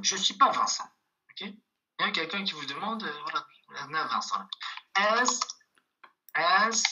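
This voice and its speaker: A man's voice: fairly high pitch, sharp tone, low-quality recording. A man teaching a language class online, patiently repeating each example and checking in with his students.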